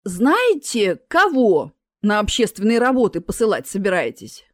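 A woman's voice: mid-range voice, big pitch swings, normal speed, no echo, clean studio sound, close to an everyday voice. A woman voicing Death, a grumpy, menacing female boss who grumbles and threatens. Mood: grumbling.

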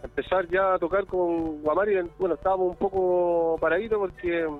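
Chilean male musician guest, slightly high, easygoing, halting; calls in on a tinny, choppy internet line. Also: fairly even intonation. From northern Chile. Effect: choppy internet call audio that cuts out. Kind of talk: casual chat over a call. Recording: tinny phone-like call line with faint music.

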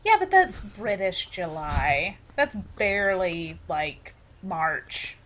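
A woman's voice: lowish voice, very animated, slow pace, a bit bright. A woman co-hosting a podcast in casual banter about sci-fi, with playfully exasperated asides. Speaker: podcast co-host.

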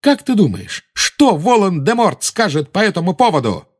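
Man doing defiant, shouting young wizard Harry. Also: sits high, big pitch swings, normal speed, pitched above the performer's own voice. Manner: shouting and taunting. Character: defiant teenage boy wizard in pain. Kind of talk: audiobook reading.

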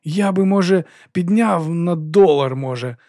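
A man's voice: a little high, dry recording, clean studio sound, pitched above the performer's own voice. A man doing a jittery, money-grubbing promoter. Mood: nervous. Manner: jittery, fast-babbling. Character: nervous greedy male concert promoter.

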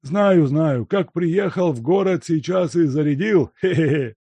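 A man voicing a fussy, grumbling old male house servant who laments and frets in a high, agitated voice. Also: lively intonation, moderate pace, dark tone, husky, no echo. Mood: fretful.

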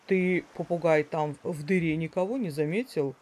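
A woman doing a slow, puzzled boa snake. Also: darkish tone. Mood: puzzled, calm. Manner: low, slow, wondering. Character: slow, gentle male boa constrictor, puzzled and calm.

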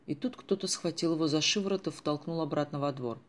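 A man narrating a children's adventure audiobook in a measured storytelling manner. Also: a little high, a bit bright. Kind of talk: scripted narration.

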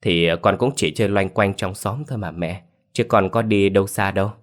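A man's voice: low voice, moderate pace, close to an everyday voice. A man voicing a cheeky little village girl who answers her mother playfully, in a spoken ghost story. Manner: playful, wheedling.

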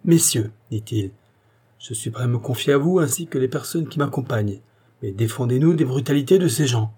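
Male reader as composed king, formal delivery, husky low voice. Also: dark tone, close to an everyday voice. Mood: measured. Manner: measured, formal. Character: dignified male king, calm and commanding.

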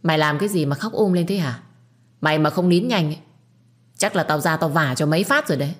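A woman voicing a harsh, bossy old grandmother who scolds sharply and loudly. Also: sits low, animated, quick pace. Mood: scolding.

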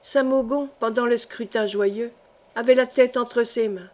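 A woman narrates a historical novel as an audiobook. Her reading is measured and expressive. Her voice sits a little high.

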